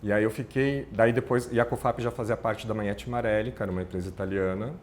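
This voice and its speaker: This is a middle-aged communications manager from Brazil's ABC paulista region, guesting on a podcast in a relaxed interview and speaking with a São Paulo Brazilian Portuguese accent. He rambles and keeps correcting himself, talking quickly in a fairly low voice with fairly even intonation. Slight background noise is audible.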